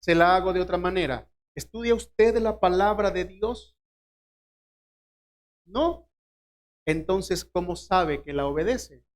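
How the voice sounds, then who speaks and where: A man preaching a sermon, asking the listeners direct questions and now and then acting out short dialogues from scripture. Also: sits high.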